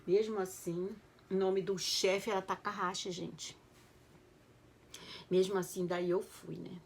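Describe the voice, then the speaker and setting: A woman's voice: on the low side, slow, creaky, slight background noise. Emotional woman. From Belém, Brazil. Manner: emotional, animated, keeps addressing listeners as "gente". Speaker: storyteller recounting her life. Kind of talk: casual personal storytelling.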